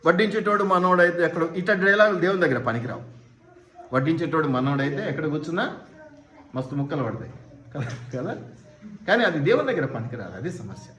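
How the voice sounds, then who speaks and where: Pastor, male, fairly high voice, preaches with pointed rhetorical questions, echoey church hall. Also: lively intonation, fast talker, a bit bright, a little hiss or hum. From India. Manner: rhetorical questions, quotes imagined speakers. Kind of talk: sermon.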